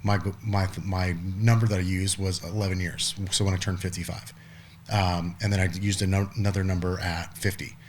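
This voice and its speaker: A man's voice: low-pitched, level tone, normal speed, slight background noise. A man in his forties, a podcast guest, talking casually in a rambling way with lots of restarts and the odd swear word. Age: 40s. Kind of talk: casual conversation.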